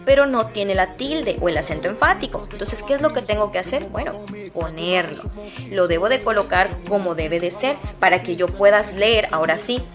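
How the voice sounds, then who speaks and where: A young adult woman with a Mexican accent, a teacher patiently explaining a lesson step by step to her pupils. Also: mid-range voice. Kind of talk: classroom lesson. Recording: music playing behind her.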